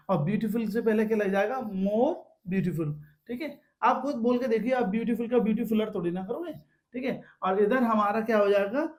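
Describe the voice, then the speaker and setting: A man's voice: high-pitched, darkish tone. A man teaching a grammar lesson to students in a patient, step-by-step way. He often asks a question and then answers it himself, and speaks. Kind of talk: classroom lesson.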